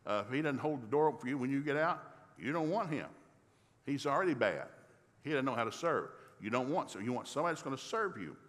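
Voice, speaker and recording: Mann im Hall, erzählt volkstümliche Predigt. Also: male voice, medium pitch, fast. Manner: folksy, animated, acts out dialogue. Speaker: preacher. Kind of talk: humorous storytelling sermon. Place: church sanctuary. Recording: long reverb of a large hall.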